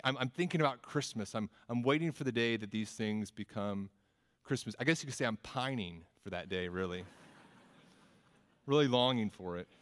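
A man's voice: lowish voice, fairly bright tone, clean tone, big-room sound. A man preaching a sermon in a church, in a conversational way with frequent stammered repeats and self-deprecating humor. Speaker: pastor.

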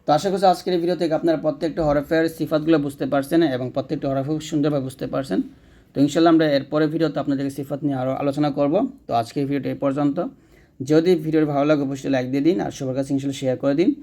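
Speaking very fast, with a warm tone, fairly even intonation and a pitch on the high side, a man gives a step-by-step lesson on Quran letter pronunciation. He models every sound, checks on his students and corrects himself mid-sentence when he slips.

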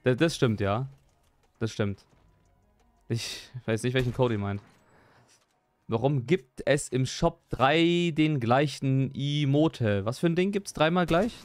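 Excitable young man streaming games. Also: medium pitch, slow pace, soft background music. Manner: excitable, repeats exclamations, joking self-mockery. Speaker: gaming streamer. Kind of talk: live gameplay stream chat.

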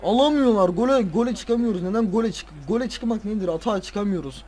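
A tired man playing a football video game, casually commenting, swearing and ranting at the players with excitable outbursts. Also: high-pitched, fast talker. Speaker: gaming video creator.

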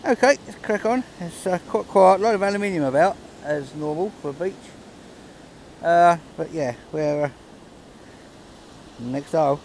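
A man's voice: on the high side, moderate pace, long pauses, darkish tone, slight background noise. A man giving casual running commentary while metal detecting on a pebble beach, chatty and understated, chuckling between finds, recorded on a handheld camera outdoors. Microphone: camera held close, filming his hands.

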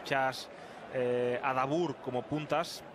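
Loud stadium noise sits behind a man of medium pitch. He gives football analysis as a co-commentator, talking in a reflective, conversational way. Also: steady tone, takes it slowly.

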